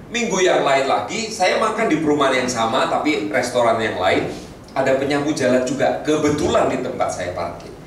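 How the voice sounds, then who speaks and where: A middle-aged pastor from Tegal, telling stories in a chatty sermon and speaking to the congregation. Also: male voice, mid-range voice, moderate pace, distant mic, a little hiss or hum. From Tegal, Central Java. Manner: storytelling, lively, chatty asides to the congregation. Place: church hall. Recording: echoey hall, mic from afar.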